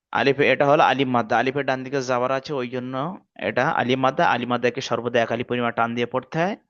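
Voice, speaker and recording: A man teaching a reading lesson, patiently drilling letter sounds with his students and praising them. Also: medium pitch. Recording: dull lo-fi audio.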